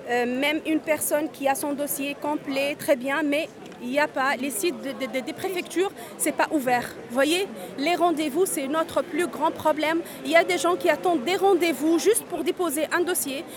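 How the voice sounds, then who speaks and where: A Tunisian woman in her forties, an undocumented migrant, is interviewed at a street march and speaks earnestly, often repeating and restarting her words. Her voice is high and her pace normal, with crowd noise around her outdoors.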